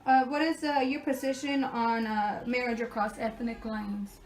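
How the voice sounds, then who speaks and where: A woman asks prepared interview questions for a class assignment. Her voice is fairly high, and she pauses often with ums between her words. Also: fairly even intonation, low-quality recording. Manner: hesitant, many ums. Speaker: student interviewer.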